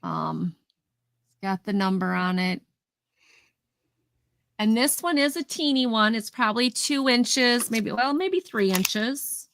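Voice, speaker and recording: Woman, live sale host, chatty, slightly high voice, unhurried pace. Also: expressive, creaky, fairly bright tone, no room sound. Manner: chatty, describes items in detail and counts down sales. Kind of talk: casual live-stream selling.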